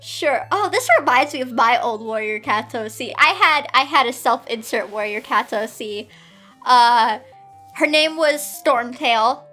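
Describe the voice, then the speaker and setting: Young woman reading her old fanfic out loud, laughs a lot, snarky asides, slow and bright. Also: fairly high pitch, faint music behind. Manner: giggly, sarcastic asides. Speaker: reader of an old fan story. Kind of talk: reading aloud with commentary.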